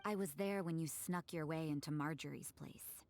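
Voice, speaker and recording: Game role: curt, watchful guard, low-pitched and matter-of-fact. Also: female voice, normal speed, creaky, a little mellow, a little hiss or hum. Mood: stern. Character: stern, watchful guard on daily duty, blunt. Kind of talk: game voice acting.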